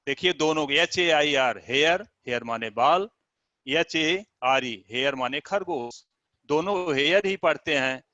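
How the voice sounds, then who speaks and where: A man's voice: mid-range voice, pushed and bright, no echo. A male teacher giving a video lesson to children, who says each word several times and spells it out letter by letter. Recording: dull lo-fi sound.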